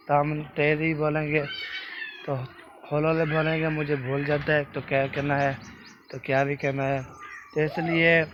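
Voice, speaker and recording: Pakistani village vlogger, rambling quick talker, a bit high for a man, noisy outdoor recording. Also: muffled recording. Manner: fast, rambling, says he talks fast. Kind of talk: casual vlog narration. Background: birds and outdoor ambience.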